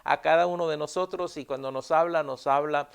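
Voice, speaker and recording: A male pastor preaches an earnest sermon, returning again and again to his key phrases and bridging gaps with a drawn "ah". His voice is smooth and resonant, pitched a little above the usual for a man. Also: fairly even intonation, a little fast.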